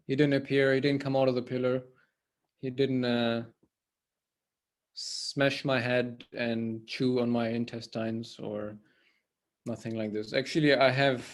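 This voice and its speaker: Hesitant man musing on a video call. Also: medium pitch. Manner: hesitant, repeats words, often asks "right?". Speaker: temple priest and guest speaker. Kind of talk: informal spiritual talk on a video call.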